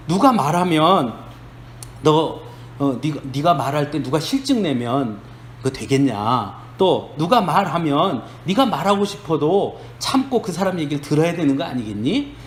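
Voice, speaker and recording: A pastor putting on a blunt, scolding ancient friend. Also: male voice, fairly high pitch, sing-song, a little slow, roomy sound, a little hiss or hum, voice pushed down. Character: ancient male friend, blunt, reproachful, lecturing.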